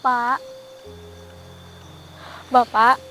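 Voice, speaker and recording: A woman investigating the paranormal, who pleads gently and keeps addressing the man she is talking to with a polite title. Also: fairly high pitch, flat delivery, drawn-out words, soft background music, poor audio. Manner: gently pleading, repeats "Pak" often. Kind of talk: vlog. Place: outdoors in a forest at night.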